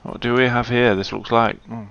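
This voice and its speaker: Man, casual let's play commentary, gravelly fry, muttering to himself, muffled lo-fi recording. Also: mid-range voice, little pitch movement, normal speed, a bit bright. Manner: chatty, swears, mutters to himself.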